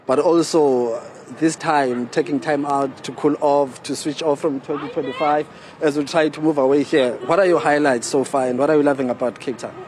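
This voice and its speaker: A man's voice: fairly high pitch, steady tone, moderate pace, darkish tone. A South African man giving a conversational, wordy live news report from the street. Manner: conversational, wordy, frequent "you know". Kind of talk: live on-location report and interview. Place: outdoors on a city street. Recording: outdoor street, faint traffic noise.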